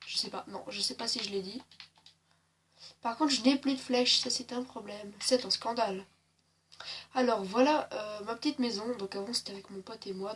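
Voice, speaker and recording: A woman's voice: mid-range voice, fairly bright tone, slight background noise. A woman with a slightly sore throat giving chatty, joking gameplay commentary, full of hesitations. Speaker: gaming channel host.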